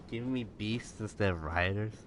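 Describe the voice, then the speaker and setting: A man's voice: on the low side, background noise. A young man casually commenting while playing a video game, musing and trailing off mid-thought. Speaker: gameplay streamer. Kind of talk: casual let's-play commentary. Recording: loud game sounds behind the voice.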